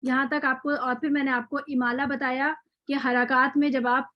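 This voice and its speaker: A woman teaching a tajweed lecture, explaining patiently, repeating example words slowly, with frequent fillers and self-corrections. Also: high-pitched, little pitch movement, no echo, highs cut off. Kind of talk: online lecture with recap.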